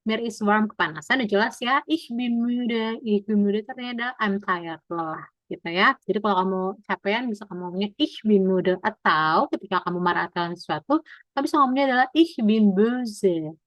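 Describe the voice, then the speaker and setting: A woman's voice: medium pitch, fast talker, fairly bright tone, dry recording, highs cut off. A woman teaching German in an online class over a video call, explaining patiently, mixing in English and quizzing her students.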